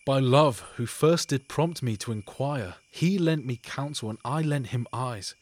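A man's voice: mid-range voice, unhurried, lightly acted. A man performing an ardent, devoted young nobleman in a Shakespearean scene, with earnest, declamatory delivery. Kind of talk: Shakespearean stage acting.

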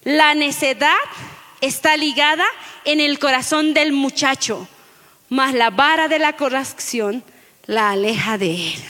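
A woman pastor giving an animated sermon to her congregation, calling listeners "brother" and acting out children's lines. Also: high voice, in a large hall. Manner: animated, acts out children's voices in quotes, addresses listeners as brother.

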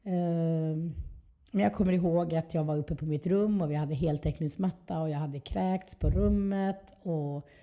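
A woman's voice: deep voice, mellow. A woman, telling her personal story candidly and reflectively as an interview guest. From southern Sweden.

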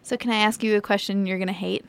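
A woman with an average-pitched voice hosts an interview programme. She speaks as a radio-style interviewer, addressing her guest and her listeners. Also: steady tone, fast talker, no echo. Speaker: interviewer and podcast host.

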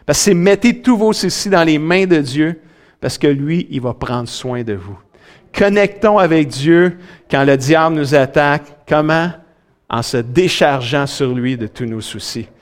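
High-voiced Québécois man preaching. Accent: Québécois French. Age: middle-aged. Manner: lively preaching, swings from high excited to low quiet; fills with "là", talks directly to the congregation. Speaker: pastor. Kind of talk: sermon.

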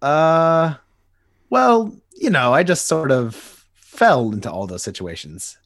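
A man's voice: on the high side, big pitch swings, slow, a bit bright, no echo, heavily acted. Nightwing, a man playing a cocky hero. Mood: sheepish. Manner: teasing, easygoing big-brother banter. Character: Nightwing, cocky young adult male hero. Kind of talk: dramatic comic reading.

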